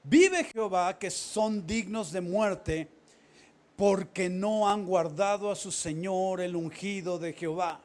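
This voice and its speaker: A man acting out a biblical king shouting reproaches across a valley. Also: fairly high pitch, steady tone, a little fast, hardly any pauses, natural voice. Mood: indignant. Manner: loud, indignant, reproachful calling out.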